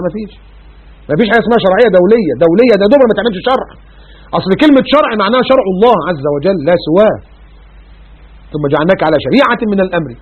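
A man's voice: high voice, breathy edge. A man with an Egyptian accent preaching a sermon, firing rhetorical questions and chanting verses. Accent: Egyptian Arabic. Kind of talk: Islamic sermon with Quran recitation. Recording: tinny phone-like lo-fi audio.

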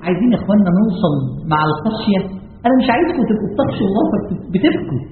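An Egyptian Arabic-speaking man preaches a lesson in a quick, high, animated voice that climbs to emphatic peaks. He slows into chanted recitation now and then. The sound is thin and phone-like, with long reverb from a large hall. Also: slight background noise. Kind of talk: mosque lesson sermon.

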